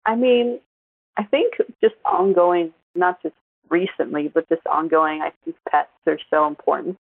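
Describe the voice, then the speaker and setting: A woman co-hosts a podcast in a relaxed, chatty way, laughing easily as she talks. Her voice sits low and has a gravelly fry, and it comes through a dry, tinny phone-like line. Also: measured pace, no room sound. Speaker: podcast co-host. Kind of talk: casual chat.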